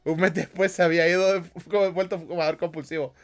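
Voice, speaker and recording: Speaking quickly in a steady, fairly high voice, this young man with a Honduran Spanish accent streams live from a cramped bedroom. He goes through viewer comments, joking around, dropping slang and laughing often, picked up by a headset plus desk microphone.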